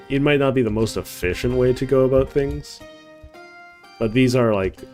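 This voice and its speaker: A man's voice: lowish voice, darkish tone. Rambling man streaming a game. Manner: rambling, heavy on "like" and "uh". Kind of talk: casual gameplay commentary.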